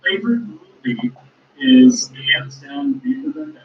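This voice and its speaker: A young man being interviewed in casual chat, listing his hobbies with frequent fillers and pauses. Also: very high voice, big pitch swings. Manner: hesitant, lists his talents with fillers. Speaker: guest. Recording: dull lo-fi audio.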